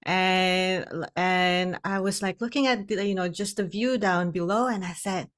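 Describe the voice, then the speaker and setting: She speaks on the low side and takes her time: a middle-aged Indonesian hypnotherapist and coach guesting on a podcast via video call. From a home room, using a podcast microphone, she recounts her story openly, laughing often between phrases.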